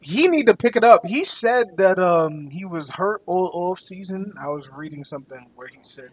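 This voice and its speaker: Husky, higher-pitched young man, slangy banter. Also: normal speed, no room sound. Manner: slangy, animated storytelling, frequent 'you know what I'm saying'. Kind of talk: casual sports banter.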